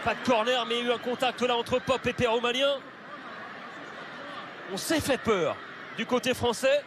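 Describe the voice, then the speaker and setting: A man giving excited live football commentary, play by play, shouting at big moments. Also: very high voice, moderate pace. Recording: loud stadium crowd noise. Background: roaring stadium crowd.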